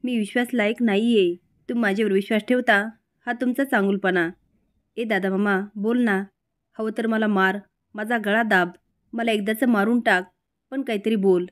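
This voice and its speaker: A woman's voice: mid-range voice, fairly even intonation, moderate pace, dry recording, clean studio sound, natural voice. A woman voicing a remorseful young man who begs his silent uncle to speak. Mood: pleading. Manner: pleading.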